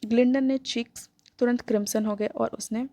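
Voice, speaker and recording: A woman's voice: a little high, steady tone, normal speed, mellow, no echo. A woman narrating a romance novel as a casual storytelling recap, mixing in English words.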